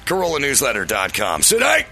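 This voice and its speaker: Booming prize announcer man, bright and swooping. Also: very animated, normal speed, vocal fry, soft background music. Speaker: promo announcer. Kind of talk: scripted promotional announcing.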